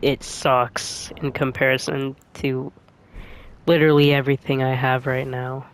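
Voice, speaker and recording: A man's voice: medium pitch, level tone, a little slow. Young guy rambling while gaming, lots of likes, faint hiss behind him. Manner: hesitant, full of "like" and restarts, soft-spoken. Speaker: gaming streamer. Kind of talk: rambling commentary while playing a game.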